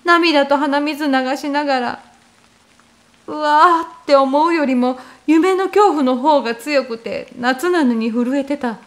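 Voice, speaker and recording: A woman's voice: high-pitched, takes it slowly. A woman reading a first-person horror story aloud in a casual, conversational way. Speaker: ghost story reader.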